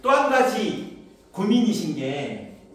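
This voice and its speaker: A middle-aged man, an academy instructor, giving an info session to parents in a chatty, anecdotal way, pushing his voice higher to carry. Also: very animated, slow pace. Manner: chatty, anecdotal, raises pitch to project. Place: lecture room. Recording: distant mic, very echoey hall.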